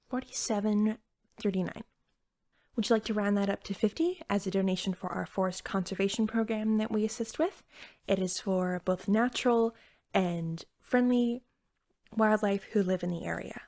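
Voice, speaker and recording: Here the same eager, friendly magical-pet-store cashier is lightly acted by a woman in an ASMR roleplay, her soft, young-sounding mid-range voice carrying a creaky edge. Friendly and chatty, she slips from quiet speech into whispers, rambling eagerly and helpfully as she helps a customer.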